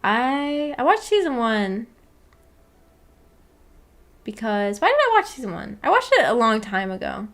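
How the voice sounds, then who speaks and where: Chatting about anime with her livestream viewers, this fairly high-voiced woman keeps things loose and giggly. Her teasing is playful, and she's quick to apologize to smooth things over. Her speech wanders and stalls, heavy with fillers, especially "like," as she works out her thoughts.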